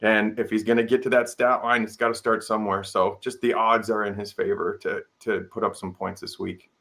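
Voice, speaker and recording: A man co-hosting a casual sports podcast, upbeat and laughing along with quick interjections. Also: fairly low pitch, flat delivery, creaky, a bit bright. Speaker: podcast co-host. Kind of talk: casual fantasy football chat.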